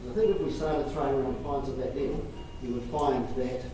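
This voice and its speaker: A man giving a public talk and taking questions, speaking in a measured way and repeating phrases for emphasis. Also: mid-range voice, fairly even intonation. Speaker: presenter taking audience questions. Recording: echoey room, distant mic, noisy.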